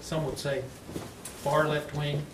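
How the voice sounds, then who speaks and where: Male moderator, standard American accent, measured panel introduction, distant echoey recording. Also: a little high, little pitch movement. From United States. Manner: slow, clearly enunciated, deliberate delivery. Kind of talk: introducing a public panel discussion. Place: conference panel room, indoors. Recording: echoey, noisy room, distant mic.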